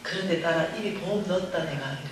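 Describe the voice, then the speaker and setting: A woman's voice: lowish voice, noisy background, pitched below the performer's own voice, natural voice. A woman voicing her elderly, devout mother, a church deaconess who keeps preaching insistently. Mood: earnest. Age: older. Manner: insistent, preachy, slow and earnest. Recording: echoey church hall from far off.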